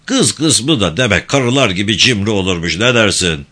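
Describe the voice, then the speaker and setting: A man's voice: lowish voice, lively intonation, normal speed, pushed and bright. A man reading a story aloud, voicing a teasing, chatty young village man.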